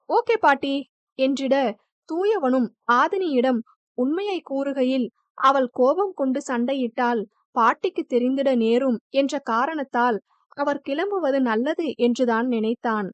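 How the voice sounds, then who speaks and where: A woman with a high, light voice reads a romantic novel aloud, slipping into each character's lines without changing much. The sound is dry and close, with no room around it. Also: unhurried, dry recording. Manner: voices all characters lightly in her own voice. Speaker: audiobook narrator. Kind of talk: storytelling narration with voiced dialogue.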